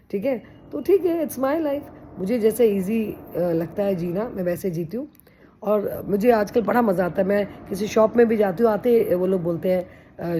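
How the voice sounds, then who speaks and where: A woman with a mellow, warm voice gives encouraging advice to her viewers. Her talk is earnest and chatty, with English phrases mixed in. A faint hum of ambient noise sits behind her. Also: medium pitch. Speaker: vlogger. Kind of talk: casual motivational talk to camera.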